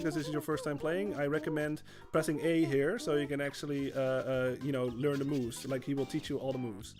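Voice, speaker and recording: Rambling gaming streamer man. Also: a little high. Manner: rambling, with many fillers and restarts while explaining controls; reads chat messages aloud. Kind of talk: gaming livestream commentary.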